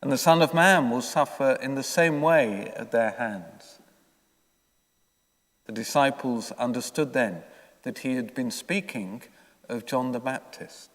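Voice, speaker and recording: A man, a priest, reading the gospel and preaching calmly in a long cathedral echo. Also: mid-range voice. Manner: calm, conversational preaching with pauses. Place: large church. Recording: echoey church from far off.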